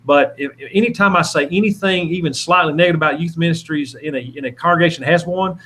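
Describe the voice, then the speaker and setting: A man speaks quickly in a fairly high voice. He talks like an evangelist in an informal interview, earnest and exhorting, circling back to repeat his points. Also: a bit bright. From Alabama, southern United States. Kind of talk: informal interview talk with preaching.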